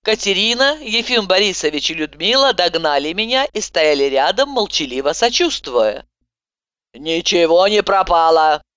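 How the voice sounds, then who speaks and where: A woman narrating an audiobook in the first person, with a brisk, expressive reading. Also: lowish voice, dry recording, highs cut off.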